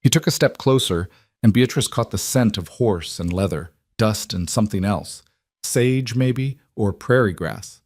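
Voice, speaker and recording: A man with a lowish voice narrates a frontier tale in a measured, even style. The sound is close and dry, with no room echo at all. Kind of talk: scripted narration.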